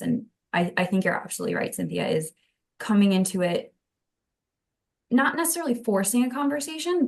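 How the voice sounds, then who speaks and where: Woman, thirties, gravelly low voice, earnest detailed storytelling, podcast guest. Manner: earnest and detailed, with some restarts. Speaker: guest telling her birth story. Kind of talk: conversational storytelling.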